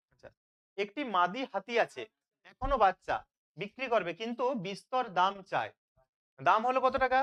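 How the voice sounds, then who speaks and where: Tutor, online revision lesson, smooth clear voice, asks and then answers. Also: medium pitch, fairly bright tone. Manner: asks questions and answers them himself, checks with "তাই তো?". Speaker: teacher. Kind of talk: online live class, question-and-answer revision.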